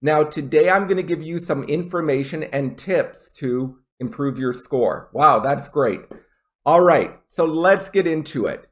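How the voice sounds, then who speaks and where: A man teaching an online English test lesson, speaking clearly and deliberately and exaggerating rising intonation to demonstrate. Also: a little high, lively intonation.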